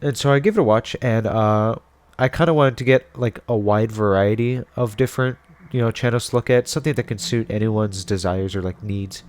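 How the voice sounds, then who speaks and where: Talking briskly in a fairly low, slightly mellow voice, this man reviews and recommends things on video. His commentary is casual, chatty and meandering.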